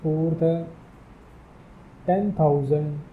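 A man's voice: fairly high pitch, fairly even intonation, slow pace, phone-quality sound, a little hiss or hum. A man teaching a spoken English lesson, spelling words out letter by letter in a careful, explaining manner.

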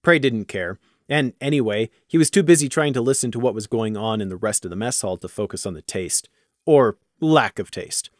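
A man reading a fan audiobook aloud, expressive, trailing quiet at sentence ends. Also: fairly low pitch, brisk, dry recording, clean studio sound. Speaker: audiobook narrator.

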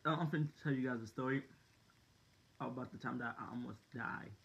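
A man's voice: mid-range voice, brisk, vocal fry, fairly bright tone. Young guy rambling thru a story, says like and dude a lot, kinda muffled lo-fi sound. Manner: rambling, many "like" and "dude" fillers, slangy. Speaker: vlogger. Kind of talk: casual storytelling to camera.

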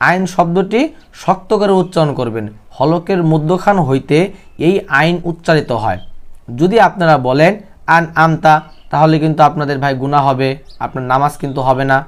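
Male Quran tutor with a Bangladeshi Bengali accent, smooth clear voice pitched a bit high, drawn-out recitation. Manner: alternates quick explanations with slow stretched chanted syllables. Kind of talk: spelling-out Quran lesson with slow drawn-out recitation.

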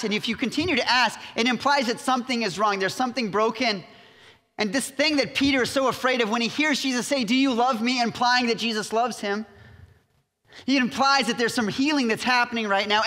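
A man delivers a sermon in a church, his voice sitting high and sounding bright and forceful. He tells the story with animation and the odd joke, and the sound carries a long hall reverb. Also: a little fast. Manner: storytelling, animated retelling with humor. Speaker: pastor. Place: church sanctuary.

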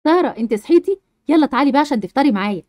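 A woman voicing a gentle, caring mother who soothes and reassures her daughter. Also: high-pitched, expressive, racing, dry recording, pitched below the performer's own voice. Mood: soothing.

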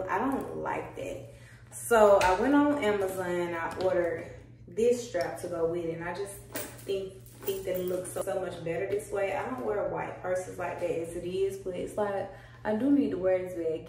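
A woman's voice: fairly low pitch, moderate pace, creaky, darkish tone, a little hiss or hum. Chatty woman vlogging from across a roomy space. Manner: chatty, easygoing, slangy. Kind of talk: casual vlog chat. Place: home indoors. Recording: roomy, from a distance, faint music. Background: faint music from a TV.

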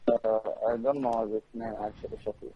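A man's voice: mid-range voice, fairly even intonation, a little fast, slight background noise. A man on a phone call who speaks in curt, broken English and swears a lot. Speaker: prank call target. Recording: dull phone line.

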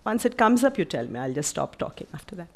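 A middle-aged woman, presenting her book at a literature festival in an animated, chatty way, with frequent little laughs and self-corrections. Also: lowish voice, fast talker. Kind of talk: conversational talk at a literary festival.

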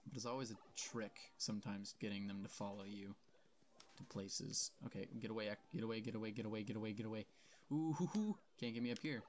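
A man's voice: on the low side, level tone, fast talker, slight background noise. A young man casually commenting on his gameplay and reading the game's dialogue aloud in his own plain voice, offhand and self-deprecating. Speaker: let's play host.

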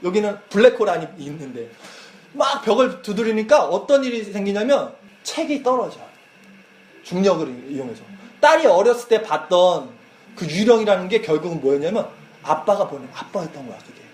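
A man preaching a youth sermon, retelling a film as a lively story and acting out the quoted lines. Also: sits high, brisk. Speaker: youth pastor. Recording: echoey church hall.

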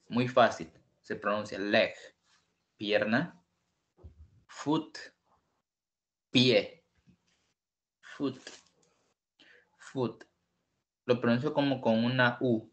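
A man's voice: mid-range voice, steady tone, very slow, long pauses. A man teaching an online English lesson, patiently repeating each word several times. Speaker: English tutor.

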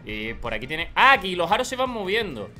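A young man with a Canary Islands Spanish accent, commentating his own gameplay live, swinging from calm muttering to loud shouting. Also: high-pitched, brisk, soft background music. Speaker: gaming streamer.

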